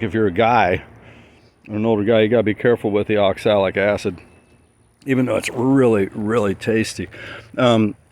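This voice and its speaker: A man's voice: on the low side, darkish tone. Easygoing middle-aged man rambling in his garden. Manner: rambling, easygoing, thinks aloud. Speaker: home gardener giving a garden tour. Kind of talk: casual walk-and-talk. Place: backyard garden outdoors.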